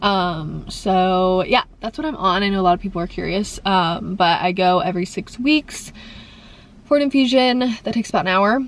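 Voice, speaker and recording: A woman's voice: medium pitch, normal speed, a little hiss or hum. A young woman vlogger talking through viewer questions in a chatty, rambling way, a little congested. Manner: rambling, fills with "like" and "um". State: slightly congested. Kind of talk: chatty Q&A vlog.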